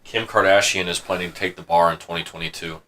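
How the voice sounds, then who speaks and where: A man's voice: sits low, fairly even intonation, quick pace, pushed and bright. A man co-hosting a gaming show in a casual, chatty style. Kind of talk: casual banter.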